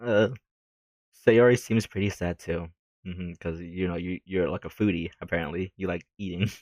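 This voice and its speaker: A man's voice: low voice, fairly even intonation, normal speed, a little mellow, no echo, studio quality. A young man reading a visual novel aloud into a desk mic, adding rambling, self-deprecating comments and frequent giggles. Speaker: let's play gamer.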